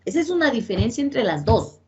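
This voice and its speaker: A woman teacher giving a grammar lesson to a class, explaining slowly and repeating points, often checking that students follow. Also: on the high side, very animated, dark tone. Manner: slow, repetitive explaining with checking questions. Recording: dull lo-fi sound.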